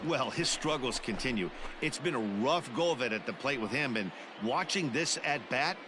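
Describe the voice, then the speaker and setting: A man's voice: mid-range voice, expressive, moderate pace, natural voice. A man playing a matter-of-fact baseball color commentator, giving conversational analysis of the game. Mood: analytical. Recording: clear background noise of ballpark ambience.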